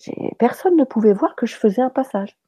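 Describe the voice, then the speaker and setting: A woman who trains mediums, telling a personal story in a casual, animated chat full of fillers and restarts. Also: on the high side, a little fast, husky, dry recording. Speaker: medium teaching soul passage.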